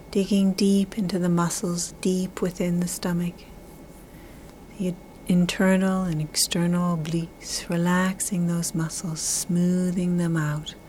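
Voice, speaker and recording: A woman leads a guided relaxation in a soft spa-like half-whisper. Her voice sits fairly low and soothing, with drawn-out, repeated phrases. A light layer of ambient noise runs behind her. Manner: slow, drawn-out phrasing with repetition.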